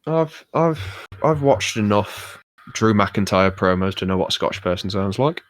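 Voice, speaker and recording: This male podcast co-host from the United Kingdom has a lowish voice with lively intonation and a normal speed. There's no room sound as he chats casually, rambling through many fillers and restarts.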